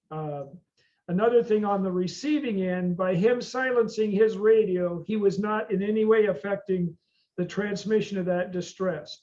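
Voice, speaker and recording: High-pitched American man teaching, dull lo-fi sound. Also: warm tone. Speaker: boating class instructor. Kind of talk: informal classroom lecture.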